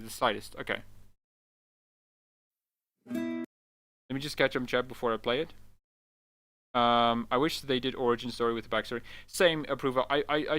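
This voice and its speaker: A man hosting a casual live stream about games, excitable, swearing often and calling everyone dude. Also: medium pitch, no room sound. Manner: excitable, swears a lot, keeps saying "dude". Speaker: livestream host.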